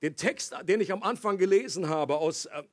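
High, husky male preacher. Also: normal speed, a little mellow, no room sound, clean studio sound. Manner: conversational, explaining scripture with asides and restarts. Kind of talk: sermon.

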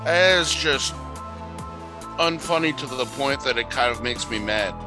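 A man's voice: mid-range voice, lively intonation, a little slow, over music, poor audio. A man co-hosting a podcast in casual chat, crude and joking, laughing often. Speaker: podcast co-host.

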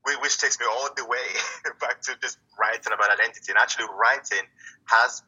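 A man who grew up in Italy, a poet guest speaking casually in an interview, reflective and halting, with many restarts. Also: mid-range voice, fairly even intonation, bright, forceful tone, husky, dull audio.

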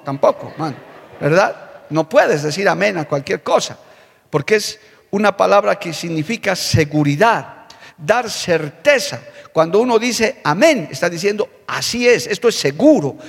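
A man preaches a fervent church sermon in a high, gravelly voice. He stretches key words slowly, then hurries through phrases. His voice rings with the long reverb of a large church hall. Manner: fervent preaching, repeats "hermano" and "alabado el nombre de Jesús". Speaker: pastor. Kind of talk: sermon with opening prayer.

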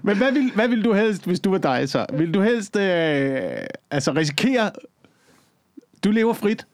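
A man's voice: sits high, lively intonation, dry recording. A man in casual chat, hesitant and stumbling as he argues his point.

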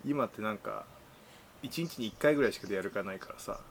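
A man's voice: fairly low pitch, expressive, brisk, a little hiss or hum. A man chatting casually as a reading group participant, with informal, joking commentary. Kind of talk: casual chat.

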